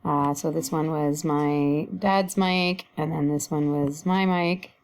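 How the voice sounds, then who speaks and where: Woman, middle-aged, slightly low voice. Informal how-to host, thinks out loud through on-screen steps. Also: fairly even intonation, takes it slowly. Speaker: tutorial host. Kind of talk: casual screen-recorded software walkthrough.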